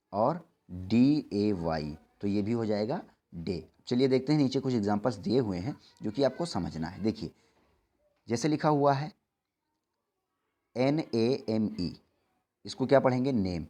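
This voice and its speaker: A young man teaching English in Hindi, who patiently repeats reminders, slows down to spell out examples and corrects his own slips as he goes. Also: on the low side, warm tone. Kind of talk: Hindi-language English lesson.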